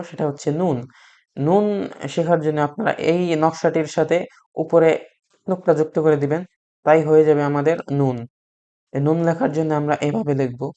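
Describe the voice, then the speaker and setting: Man, teacher, beginner reading lesson, patient, slow repetitions, hesitant fillers. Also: a little high, mellow, lo-fi sound. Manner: patient, repeats sounds slowly for learners to copy. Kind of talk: beginner lesson on Arabic letters.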